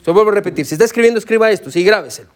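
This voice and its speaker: A man's voice: high voice, animated, rapid-fire. A man preaching a sermon as pastor, fervently calling out to his listeners and repeating "amen" and "listen". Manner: fervent, keeps calling out "amén" and "escuche" to the listeners.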